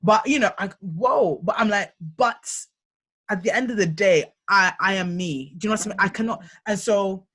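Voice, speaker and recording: A young woman co-hosting a candid discussion podcast, talking in halting bursts with many restarts as she searches for words. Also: mid-range voice, fairly bright tone. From United Kingdom. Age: young adult. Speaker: podcast co-host.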